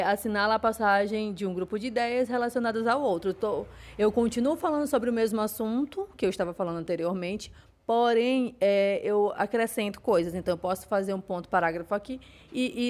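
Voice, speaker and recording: A woman's voice: medium pitch, darkish tone. Woman teacher, Brazilian Portuguese accent, lecturing, patient, hesitant fillers. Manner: explanatory, many fillers and restarts. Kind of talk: online class lecture.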